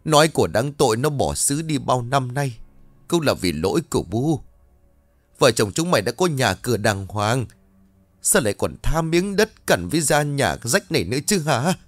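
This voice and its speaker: A man's voice: medium pitch, very animated, moderate pace, dry recording, soft background music. A man voicing a frail, widowed old mother who begs her children, in her seventies or older. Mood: pleading. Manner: pleading, trembling.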